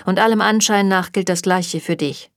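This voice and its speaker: A woman's voice: medium pitch, fairly even intonation, moderate pace, no room sound, studio quality, natural voice. A woman reading a German audiobook, voicing a cocky, blunt young male demon hunter with a teasing way of talking.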